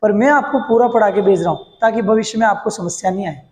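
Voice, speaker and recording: High-pitched male teacher, reverberant room; chants verse slowly, quizzes the class, answers himself. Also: darkish tone. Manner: recites verse lines slowly, then explains in quick bursts; quizzes students with questions, then answers himself. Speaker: Hindi teacher. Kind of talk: classroom lesson on poetic meter. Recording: echoey hall.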